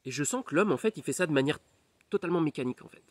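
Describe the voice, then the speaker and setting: A man's voice: a little high, lively intonation, very fast, dry recording. A man, a hypnotherapist, tells a personal story in French with many fillers and restarts, often dropping to a near whisper. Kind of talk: personal testimony.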